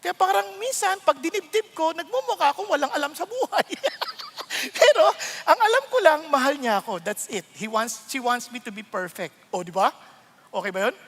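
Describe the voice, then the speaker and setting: High, bright-voiced playful pastor, hall reverb. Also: male voice, moderate pace. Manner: playful, animated, often laughing, keeps asking the congregation questions. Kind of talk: conversational sermon.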